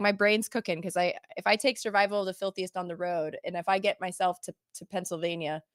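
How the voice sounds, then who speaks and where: A woman's voice: fairly low pitch, no echo, studio quality. A woman hosting a podcast in casual interview chat, bubbly and effusive, often bursting into exclamations. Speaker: podcast host.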